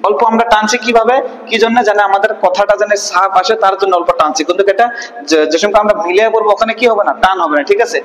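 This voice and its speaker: A man's voice: high-pitched, fairly even intonation, rapid-fire, fairly bright tone. A man teaching an online Quran reading lesson, drilling letter sounds and quizzing his students with repeated questions. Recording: echoey room with long reverb.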